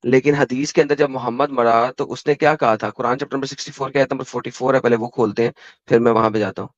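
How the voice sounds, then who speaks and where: A man with an Indian Hindi accent, hosting a heated online debate and pressing his points with rapid-fire verse references. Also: medium pitch, fairly even intonation, no room sound. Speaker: debate host. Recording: dull, dry call audio.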